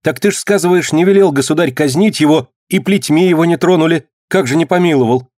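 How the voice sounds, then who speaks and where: A man's voice: fairly high pitch, a little fast, a little mellow, dry recording, studio quality, pitched above the performer's own voice, close to an everyday voice. A man voicing an anxious young peasant woman who pleads and cries out in distress. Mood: pleading.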